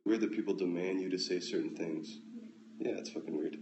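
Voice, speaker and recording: An American man hosting a casual phone livestream at home, reading out comments with relaxed, dry, offhand replies. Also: low voice, a little fast, a little hiss or hum. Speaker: livestream host. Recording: echoey room, faint ambience.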